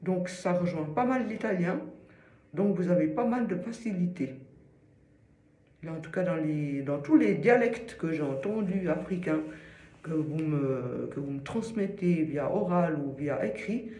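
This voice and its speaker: A man with a fairly high voice gives a one-on-one singing lesson, explaining patiently with everyday comparisons. His pitch swings widely as he talks, and he speaks at an unhurried pace. The sound carries a noticeable room echo. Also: animated, mellow. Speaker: singing teacher. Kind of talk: informal voice lesson addressed to one student.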